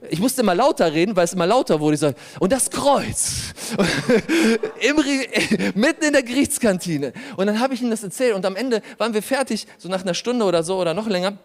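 A man, a pastor and lawyer, telling a lively anecdote in a sermon, laughing often. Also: high voice, quick pace. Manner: animated anecdotal storytelling with laughter. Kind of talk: sermon storytelling.

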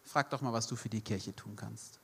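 A man's voice: fairly low pitch, moderate pace, creaky, pushed and bright, slightly rough, long reverb tail. A man preaching a sermon in German, emphatic and addressing the congregation directly, repeating his key phrases. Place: church service.

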